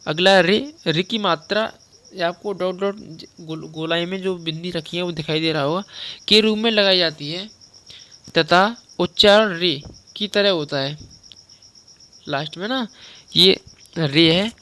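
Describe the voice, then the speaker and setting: Bright, crisp-voiced young male teacher. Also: high voice, unhurried, long pauses. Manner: conversational, repeats points and quizzes the listener. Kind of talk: spoken lesson on Hindi grammar.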